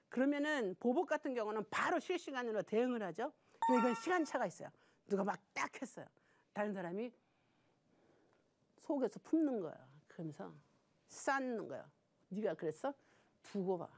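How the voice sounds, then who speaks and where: A woman lecturer with a fairly high voice that swings widely in pitch. She addresses her audience directly, throws out rhetorical questions and acts out short scenes as she teaches. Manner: animated, acts out little quoted scenes; talks straight to the audience with frequent rhetorical questions. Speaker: professor giving a lecture.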